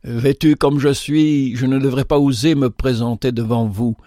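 A man reading as a meek, ragged beggar who speaks with humble earnestness. The voice sits near the reader's own, at a middle pitch, close and dry, like a storybook passage read aloud. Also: steady tone, normal speed, warm tone, dry recording, close to an everyday voice.

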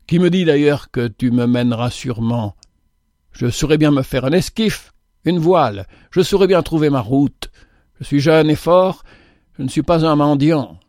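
A man's voice: fairly high pitch, moderate pace, a little mellow, no echo, clean studio sound, close to an everyday voice. A man doing a proud defiant young brother.

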